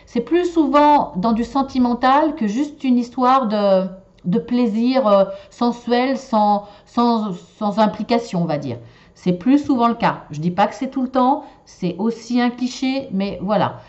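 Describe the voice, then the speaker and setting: A woman's voice: fairly high pitch, expressive, a little slow, darkish tone. Hesitant woman giving a card reading. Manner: hesitant, many fillers and restarts. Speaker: tarot and shell reader. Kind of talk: casual spoken reading for viewers. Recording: slightly dull lo-fi sound.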